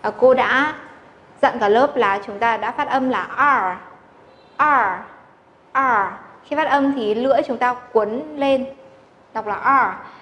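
A woman's voice: a little high, measured pace, reverberant, long reverb tail, poor audio. A woman teaching a Chinese language class in Vietnamese. She drills syllables one at a time and repeats each one. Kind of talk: classroom pronunciation lesson.

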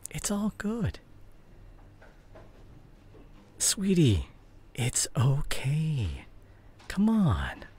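A gentle, devoted boyfriend played by a man speaks slowly and softly, as if at a bedside. His husky, breathy voice soothes and reassures his partner in an intimate audio role-play. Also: a little high, full character voice. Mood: gentle, coaxing. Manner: soft, soothing bedside voice with breathy, whispered phrases.

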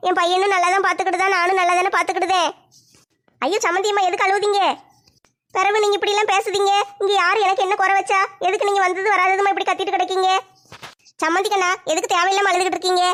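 A woman's voice: very high voice, little pitch movement, fast talker, a bit bright. A woman playing a doting, tearful mother-in-law in a comedy skit, fretting and pleading with a southern Tamil Nadu accent. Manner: fretful, pleading.

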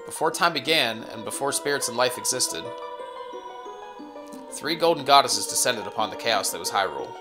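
A man's voice: medium pitch, expressive, moderate pace, lightly acted. A man voicing a solemn, wise old talking tree, reading video game dialogue in grave, archaic storytelling. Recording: game music behind the voice.

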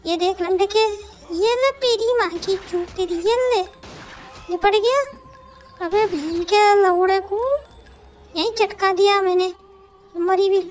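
A man voicing a swaggering, foul-mouthed young gangster don in a comic game dub, taunting and cursing nonstop through a sped-up chipmunk pitch. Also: slow, pauses often, faint music behind.

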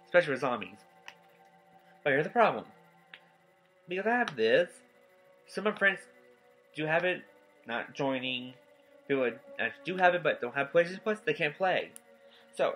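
A nineteen-year-old man giving a casual, rambling vlog update, tired and yawning, talking in halting stops and restarts. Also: on the high side, big pitch swings, fairly bright tone, soft background music, rough recording. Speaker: gaming YouTuber. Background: faint game soundtrack.

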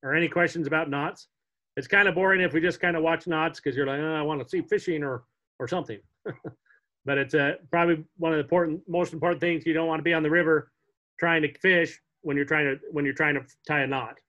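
A middle-aged man teaches a casual online class from his home, talking in a relaxed, chatty way and joking now and then. His voice is bright and a little higher than most men's. The sound is dull and lo-fi, as from a laptop webcam on a video call. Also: fast talker. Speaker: fly fishing instructor. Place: home room, indoors.

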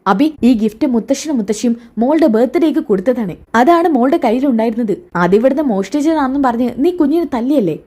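Brief: woman reading a firm, reproachful young heroine in a serial recap, raised slightly, slower lines. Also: high voice, animated, mellow. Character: protective young woman defending a child.

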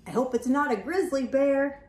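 Speaking at a moderate pace in a high-pitched voice, an older woman reads a picture book to young children at home, recorded on camera. She tells it with animated gasps and whispers, and the indoor space is reverberant.

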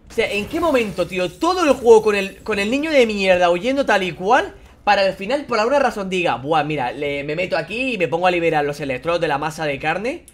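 A man commentating a horror game playthrough, taunting and swearing at the characters in a playful, animated way. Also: sits high, fairly quick. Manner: animated, playful sound effects and singing. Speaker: gameplay commentator. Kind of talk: casual let's-play commentary.

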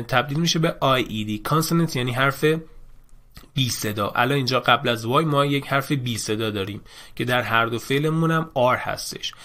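Man teaching English grammar, raised pitch. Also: fairly bright tone. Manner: explains slowly, repeats key points. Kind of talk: classroom grammar lesson.

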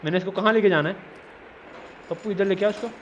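A man's voice: high-pitched, fast talker, highs cut off, a little hiss or hum. A man giving casual let's-play commentary, teasing and scolding the character he controls. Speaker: gamer.

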